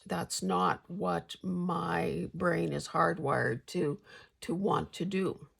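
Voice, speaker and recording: An older woman hosting a casual craft vlog, speaking haltingly with a husky, gravelly voice, slightly mouth-full as if sucking a candy. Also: on the low side, animated. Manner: halting, hesitant delivery with pauses. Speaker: craft channel host.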